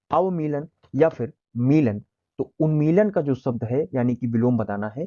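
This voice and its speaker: Guy teaching exam prep, reads the options then explains the answer, kinda mellow, slightly muffled audio. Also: mid-range voice.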